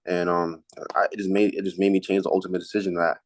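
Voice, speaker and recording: A young man in his late teens, a high school athlete, answering casual interview questions in a halting way, repeating words as he thinks. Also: little pitch movement. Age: late teens, high school senior.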